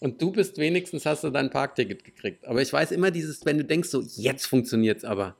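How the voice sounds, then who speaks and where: A man's voice: medium pitch, lively intonation, fairly quick, creaky, slightly rough, soft background music. A man chatting casually, swearing now and then when annoyed. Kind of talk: casual chat.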